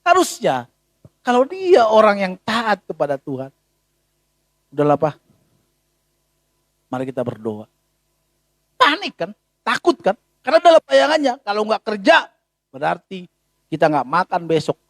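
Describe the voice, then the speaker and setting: Brief: male pastor, very high voice, lively sermon, dry close sound. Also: moderate pace, dry recording. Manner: animated, rhetorical questions, colloquial.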